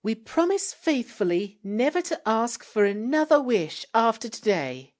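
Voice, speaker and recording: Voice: mid-range voice, very animated, measured pace, pitched above the performer's own voice. A reader voicing an earnest young girl who speaks dramatically and pleads breathlessly. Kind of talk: storybook reading.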